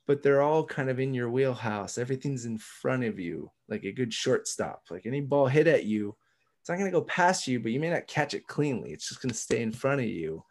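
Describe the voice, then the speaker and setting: A man's voice: mid-range voice, animated, fairly quick, few pauses, a little mellow. Emphatic, cussing podcast guest man. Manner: swears freely, laughs often, emphatic. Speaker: podcast guest, entrepreneur and coffee roaster. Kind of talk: casual interview chat.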